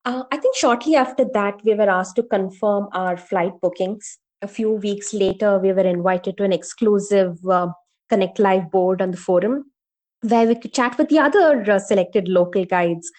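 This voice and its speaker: A woman co-hosting a casual podcast, telling a story in a lively way and acting out the voices she quotes. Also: mid-range voice, normal speed. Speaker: podcast co-host.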